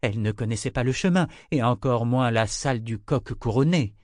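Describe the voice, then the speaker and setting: Man reading an anxious breathless mother, middle pitch, dry sound. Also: normal speed, darkish tone, no room sound, natural voice.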